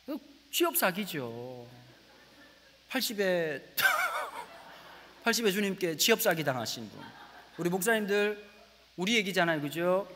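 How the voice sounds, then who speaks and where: A middle-aged man preaching a lively comic sermon as a guest pastor in a large church, storytelling with playful dialect bits. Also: high-pitched, big-room sound, a little hiss or hum. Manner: animated storytelling, slips into rustic dialect voices for laughs; says he talks very fast.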